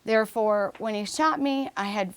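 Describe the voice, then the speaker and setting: A woman guest in a podcast interview telling a personal story in an earnest, measured way, with fillers and many restarts. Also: medium pitch, smooth.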